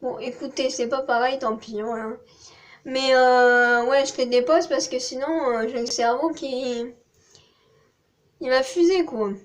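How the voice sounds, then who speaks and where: Chatty high-voiced southern French woman. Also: steady tone, a little slow. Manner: chatty, rambling, self-mocking with frequent laughs. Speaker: vlogger. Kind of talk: casual vlog chat.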